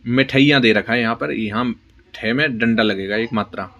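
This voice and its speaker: A man teaching an exam-prep lesson, briskly listing words and checking in with his students. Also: mid-range voice, bright, forceful tone. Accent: Rajasthani Hindi. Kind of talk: spoken lesson for exam preparation.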